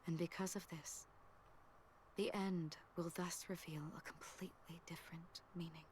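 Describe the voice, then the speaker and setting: A gentle young woman, voiced by an actress narrates a farewell in a soft, breathy game voice, drifting between murmur and whisper. Her voice sits somewhat low, with a faint hiss underneath. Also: steady tone, normal speed, close to an everyday voice. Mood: wistful. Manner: hushed, half-whispered, wistful.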